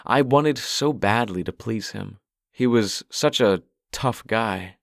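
A man voicing a guarded adult male police detective in an audiobook, in a measured, somber way. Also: on the low side, gravelly, no echo. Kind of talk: audiobook character voice. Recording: dry close recording.

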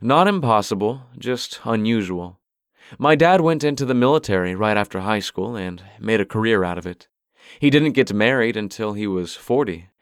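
A guarded, somber police detective, as a male narrator plays him in a low voice. He speaks in a measured way, told as an audiobook. The sound is dry and close to the mic. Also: lively intonation, clean tone, no room sound. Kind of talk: audiobook character voice.

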